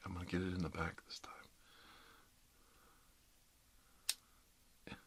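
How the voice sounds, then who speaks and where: In this ASMR roleplay, a deep-voiced man speaks rapidly yet softly, often whispering, as a soothing dentist caring for an undead patient in a murmured one-sided scene. The tone is reassuring, and the recording has clear background noise and clicks.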